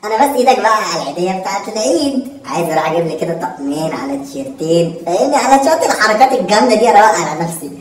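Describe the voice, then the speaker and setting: A woman's voice: mid-range voice, very animated, recorded from a distance, natural voice. A woman with an Egyptian accent playing a greedy, cheeky young son in a home comedy sketch, pleading and repeating herself. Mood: wheedling. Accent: Egyptian Arabic. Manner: wheedling, pleading, rapid-fire repetition. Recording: echoey room, voice off-mic.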